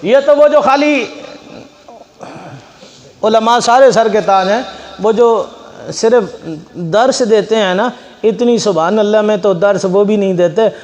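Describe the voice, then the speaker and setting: A man's voice: sits high, unhurried, pauses often, darkish tone. A man from Pakistan, preaching a fiery storytelling sermon in a mosque and repeating lines with rising passion. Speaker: Islamic preacher. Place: large mosque with congregation. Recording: echoey mosque hall with crowd.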